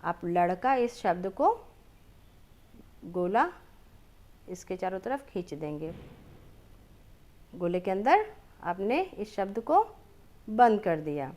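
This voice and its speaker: A woman teaching young children, reading words aloud slowly and drawn out, asking questions and then answering them herself. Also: mid-range voice, sing-song, a little mellow. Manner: slow and drawn-out, stretches each word.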